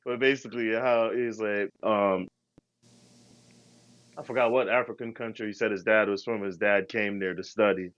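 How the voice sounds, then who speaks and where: A man's voice: fairly low pitch, steady tone, moderate pace, fairly bright tone, dry recording, highs cut off. A man co-hosting a podcast, telling travel stories in a slangy, laid-back, rambling way. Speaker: podcast co-host. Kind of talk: casual travel storytelling.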